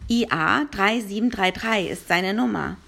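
A woman's voice: medium pitch, measured pace, creaky, fairly bright tone. A woman reading aloud and voicing an eager young boy. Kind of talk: reading a children's novel aloud.

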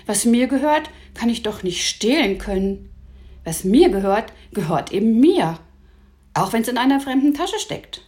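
A woman's voice: on the high side, lively intonation, unhurried, darkish tone, pitched above the performer's own voice. A woman voicing an earnest, eager little boy.

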